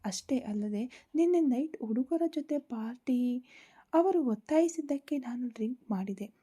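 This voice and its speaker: A woman voicing a young husband calmly comforting his wife on the phone, in a low breathy voice. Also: moderate pace. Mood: reassuring. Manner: soft, calming. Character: young husband, gentle, reassuring.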